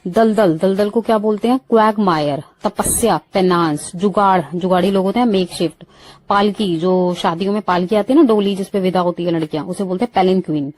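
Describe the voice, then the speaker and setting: A woman's voice: mid-range voice, brisk, darkish tone, dry recording. A woman with an Indian accent teaching English vocabulary, listing words and glossing each one in Hindi before giving the English. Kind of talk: vocabulary lesson.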